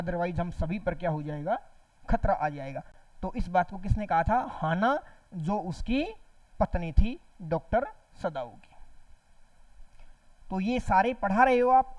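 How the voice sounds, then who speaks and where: A man's voice: high voice, warm tone, no room sound. Hindi-speaking male teacher explaining exam questions. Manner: explains step by step, repeats key terms, asks and answers his own questions. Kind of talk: exam prep lecture.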